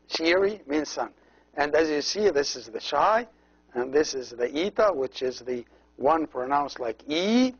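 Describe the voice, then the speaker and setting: A man teaching a language lesson as a priest, slowly repeating each word and explaining how every letter is pronounced. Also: fairly high pitch. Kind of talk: slow, patient language lesson. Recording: dull lo-fi recording.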